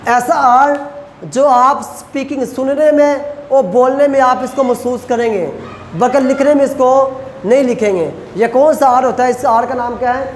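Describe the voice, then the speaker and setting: A male lecturer who teaches Chinese pronunciation, repeats syllables slowly and quizzes his students. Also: extremely high pitch, fairly even intonation. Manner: asks students questions. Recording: echoey room, faint ambient noise.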